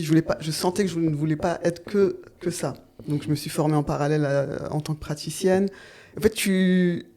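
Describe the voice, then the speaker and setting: A Parisian nurse in her thirties appears as a guest in a casual podcast interview, speaking in a deep, mellow voice. She sounds reflective and hesitant, using lots of fillers.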